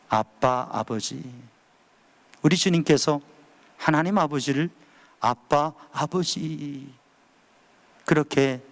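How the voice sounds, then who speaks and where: Earnest pastor in his fifties. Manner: earnest, swinging from high emphatic calls to low hushed phrases. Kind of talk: sermon at a dawn prayer service.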